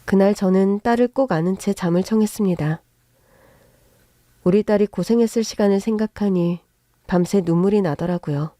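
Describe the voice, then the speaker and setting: A woman telling a first-person story in a steady, plain narrating manner. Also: mid-range voice, moderate pace, dry recording, clean studio sound.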